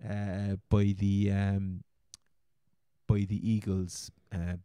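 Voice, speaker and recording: A man's voice: on the low side, flat delivery, very slow, dark tone, clear, resonant tone, no room sound. An Irish man with a Cork accent hosting a casual sports chat, rambling and often repeating his words. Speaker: podcast host. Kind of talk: casual chat, fantasy football commentary.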